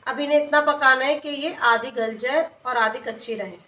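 A woman's voice: sits high, moderate pace, pushed and bright, echoey room. A woman hosting a cooking channel, narrating a home recipe step by step as she works in her kitchen. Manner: plain, explains each step as she works.

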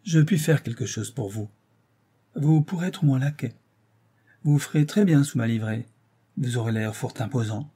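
A man's voice: medium pitch, normal speed, long pauses, mellow, husky, lightly acted. A male audiobook reader voicing a scornful, cruel young actress who taunts her lover with icy mockery. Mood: mocking. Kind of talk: audiobook reading.

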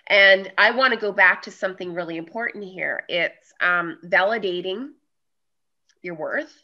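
Bright-voiced woman host, lo-fi. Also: mid-range voice, moderate pace. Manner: warm, affirming, emphatic repetition. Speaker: podcast host. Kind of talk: casual interview chat. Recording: dull lo-fi audio.

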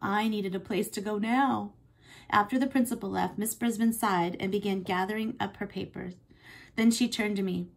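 A woman teacher reading a chapter book aloud to her class, with expressive storytelling. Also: medium pitch, normal speed, gravelly.

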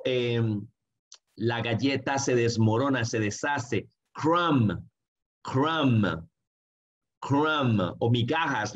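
A man who grew up speaking Spanish teaches English pronunciation in a friendly online lesson. He talks very slowly and repeats each word patiently, again and again. The recording sounds a little dull. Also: mid-range voice. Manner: friendly, slow repetitive drilling of words.

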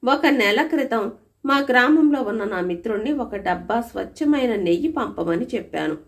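A woman voicing a shrewd, wise male royal minister who speaks calmly and turns stern, in a storybook reading. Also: on the high side, normal speed. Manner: calm, persuasive, stern when warning.

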